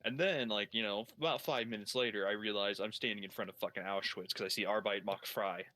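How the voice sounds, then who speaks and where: A man's voice: fairly low pitch, steady tone, brisk, bright, forceful tone. A man improvising a long comedic story in first person, swearing constantly and restarting his sentences as he goes. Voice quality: heavy swearing, rambling with many restarts. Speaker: storyteller on a gaming stream.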